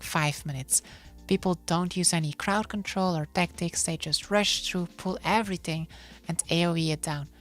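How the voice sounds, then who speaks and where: A woman who is a non-native English speaker, chatting casually as a streamer, telling stories with playful asides. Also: lowish voice. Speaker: streamer co-hosting a podcast. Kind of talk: casual chat about online games. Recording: music behind the voice. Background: music.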